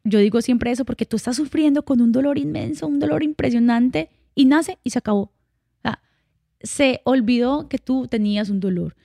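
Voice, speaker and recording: A young woman shares her life in a relaxed podcast conversation, candid and heartfelt. Her voice is mellow and warm, and the recording is dry and close with no room sound. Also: a little high, moderate pace, vocal fry, no echo. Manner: candid and heartfelt, storytelling with quoted dialogue. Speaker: podcast guest. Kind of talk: casual conversational interview.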